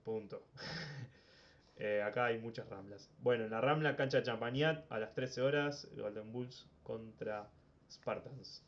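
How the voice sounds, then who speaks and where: A man's voice: mid-range voice, a little slow, dull audio. A Uruguayan man hosting a casual sports talk podcast, rambling and often repeating words as he thinks. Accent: Uruguayan Spanish. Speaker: podcast host.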